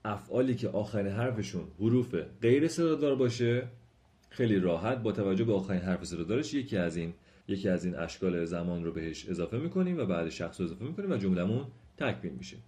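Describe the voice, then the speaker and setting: A man teaching a language lesson, explaining each point patiently and repeating example sentences slowly and clearly, in a polite, formal tone. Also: fairly low pitch, lively intonation, mellow. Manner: polite and formal toward the viewers. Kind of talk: spoken lesson.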